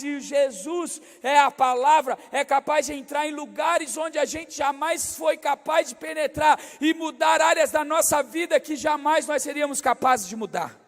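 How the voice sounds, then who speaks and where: A middle-aged Brazilian pastor with a Rio de Janeiro accent, his voice pitched strikingly high for a man. He preaches in a large church hall, where a long reverb trails every phrase. He drops into soft, confiding asides, then climbs to shouted exhortation. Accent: Brazilian Portuguese, Rio de Janeiro state. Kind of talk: sermon.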